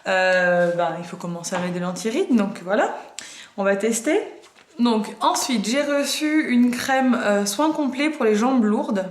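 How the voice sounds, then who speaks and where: A woman's voice: fairly high pitch, measured pace, reverberant. A woman in her twenties chatting casually through a beauty box unboxing, hesitant with frequent fillers and self-mocking jokes. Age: 20s. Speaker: beauty vlogger.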